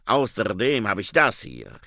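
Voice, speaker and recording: A man's voice: lowish voice, huge pitch swings, unhurried, gravelly, pushed and bright, no room sound, clean studio sound, exaggerated voice. A man voicing a thin, nervous, polite male vampire photographer in an audiobook. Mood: reassuring.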